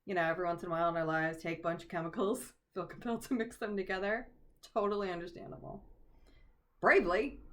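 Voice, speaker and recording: A woman who is an oracle card reader and storyteller reads aloud and leads a meditation casually, joking between passages and laughing at her own asides. She speaks at medium pitch with a fairly bright tone.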